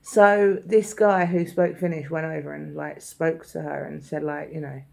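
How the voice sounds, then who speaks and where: A woman's voice: low voice, flat delivery, gravelly, darkish tone. A woman from London chatting casually with a friend on a vlog, recounting trip details. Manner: chatty, quick interjections. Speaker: vlogger. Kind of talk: casual chat.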